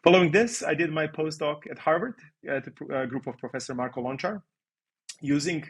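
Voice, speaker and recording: A man's voice: on the high side, fairly quick, slightly rough. A man from Serbia, a guest physicist, explaining his career in a podcast interview, with frequent restarts.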